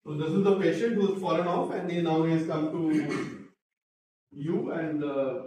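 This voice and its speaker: A man's voice: a little high, fairly even intonation, measured pace, darkish tone, slight background noise. Male instructor with short briefings. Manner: brief, reporting findings. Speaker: course instructor. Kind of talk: role-play briefing. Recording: echoey room, voice from a distance.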